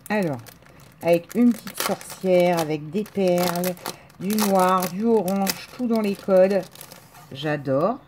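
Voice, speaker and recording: Lady unboxing letters, lots of ohs and euhs, lowish voice, slight background hiss. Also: darkish tone. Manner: chatty, gushing, lots of fillers and exclamations. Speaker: vlogger opening mail. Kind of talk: casual unboxing chat.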